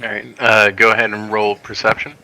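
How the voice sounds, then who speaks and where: A man's voice: on the low side, monotone, fairly quick, pushed and bright, poor audio. A man running a tabletop game as dungeon master on a voice call, talking hesitantly with many fillers.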